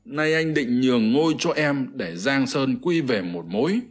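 Give me a man playing an old storybook king crying out in grief, slow and lifted. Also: medium pitch, lively intonation, faint music behind. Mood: grieving. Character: grieving elder king, old man, emotional.

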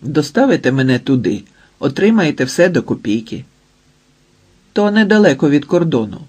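A man's voice: fairly high pitch, big pitch swings, moderate pace, darkish tone, husky. A man voicing a bold, cocky young giant of a man who bargains coolly and brashly, in an audiobook. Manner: brash, cool-headed bargaining.

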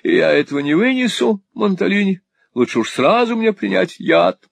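A man voicing a fussy, jealous businesswoman wife with petulant, shrill outbursts, read for an audiobook. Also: sing-song, normal speed, creaky, no room sound, exaggerated voice.

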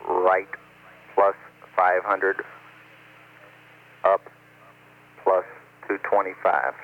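A man working as mission control radio operator, briskly reading out numbers and instructions over a crackly, noisy space radio link. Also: low-pitched, completely flat delivery. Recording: noisy tinny radio transmission.

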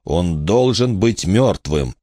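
A man's voice: sits low, animated, slow, mellow, no room sound, studio quality, exaggerated voice. A man voicing a cold, ruthless man who gives clipped orders. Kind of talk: audiobook character voice.

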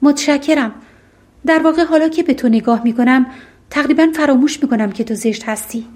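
A woman reading as a gentle young heroine. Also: high voice, close to an everyday voice. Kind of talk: audiobook storytelling.

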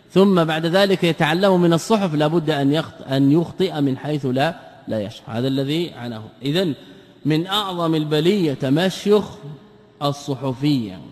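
A man teaching a classical Islamic lesson, asking rhetorical questions and answering them himself, repeating key words for emphasis. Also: a little high. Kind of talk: classical lesson commentary on a text. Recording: long hall reverb.

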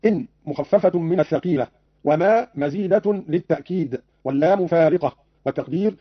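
A man's voice: high voice, no room sound. A man giving a formal, precise explanation of Quran readings on an archival radio broadcast. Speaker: radio presenter. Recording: dull dry archival radio recording.

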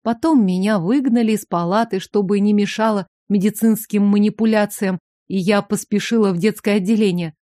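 Mellow-voiced woman narrating an audiobook. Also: medium pitch, normal speed, few pauses, dry recording, clean studio sound. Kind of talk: first-person audiobook narration.

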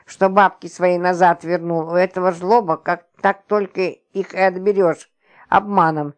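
Woman voicing a shrill coarse wife, mocking, scolding, storybook audiobook. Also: fairly even intonation, a little slow, close to an everyday voice. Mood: scornful. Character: brash scornful middle-aged wife, loud and coarse.

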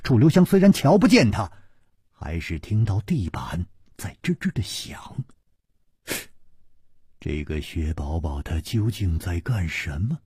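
A man telling a martial arts story theatrically, swinging between hushed and loud delivery. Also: sits low, big pitch swings, unhurried, breathy edge, no echo, clean studio sound. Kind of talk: dramatic audiobook storytelling.

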